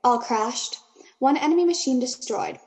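A woman's voice: sits high, normal speed, a little mellow, lightly acted. A woman playing a businesslike military radio operator in a radio drama, reporting formally. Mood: businesslike, urgent.

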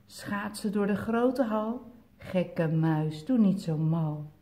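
A woman with a Dutch accent reading picture books aloud to toddlers in a gentle way, asking the children questions. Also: mid-range voice, expressive. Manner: gentle, slow storytelling that asks the children questions. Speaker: children's story reader.

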